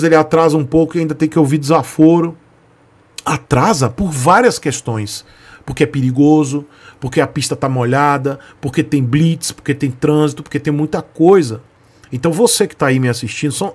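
Brazilian guy in his 40s, kinda high voice, keeps hammering his point and talking right to the viewers. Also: darkish tone. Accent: Brazilian Portuguese. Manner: emphatic, repetitive, talks straight to viewers. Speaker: channel host. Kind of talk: casual storytelling to camera.

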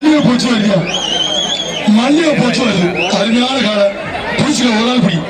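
A man announcing a live bull-taming event over a loudspeaker PA, shouting excited calls and prize announcements outdoors. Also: very high voice, moderate pace, far from the mic. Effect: voice through a loudspeaker PA. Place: outdoor arena. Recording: echoey loudspeaker heard from afar over a loud crowd.

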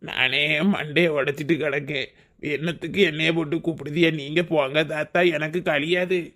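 A man's voice: fairly high pitch, fairly even intonation, normal speed, fairly bright tone, close to an everyday voice. A man voicing a reluctant village man who stammers, with a Kanyakumari Tamil accent. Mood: hesitant. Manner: hesitant, stammering. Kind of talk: cartoon voice acting.

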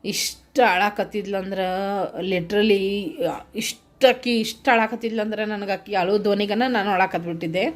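A woman's voice: medium pitch, steady tone, normal speed, a little hiss or hum. A middle-aged woman with a North Karnataka Kannada accent, vlogging and telling her viewers what happened in an earnest, heartfelt way. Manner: earnest, heartfelt retelling, addresses viewers directly. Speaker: vlogger and home food seller. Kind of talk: casual vlog narration to viewers.

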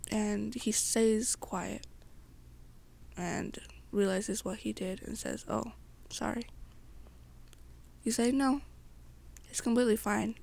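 A young woman tells an ASMR roleplay story addressed to "you," her breathy voice now and then sinking toward a whisper. Her tone is a little high and slightly mellow.

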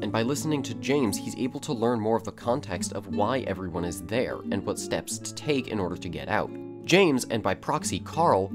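A man delivers scripted review commentary in a wry, sarcastic manner. His pitch moves freely and expressively while sitting at a middle height. Guitar music plays clearly under his voice. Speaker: video essayist.

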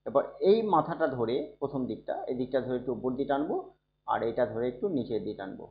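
A man who is unwell, teaching a computer lesson slowly and softly, often asking his students if they follow. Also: medium pitch. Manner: slow, soft-spoken, checks in often with students. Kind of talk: screen-recorded computer lesson. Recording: dull, echoey room recording.

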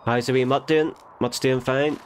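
With fairly even intonation and a moderate pace, this medium-pitched gaming host talks casually over his game, nasal from being ill. He thinks aloud and corrects himself as he chats, and a little hiss or hum runs underneath.

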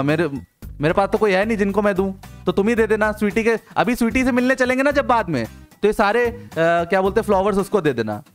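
Young man, high pitch, playful game commentary, repeated coaxing calls, faint music behind. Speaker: gaming video host. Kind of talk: excited gameplay commentary.

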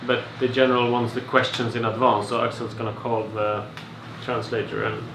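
A young man, a freelance photographer, explaining plans in a relaxed, matter-of-fact vlog style. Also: mid-range voice, moderate pace. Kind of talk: casual vlog narration. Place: hotel room and outdoors at night. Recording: echoey with clear background noise.

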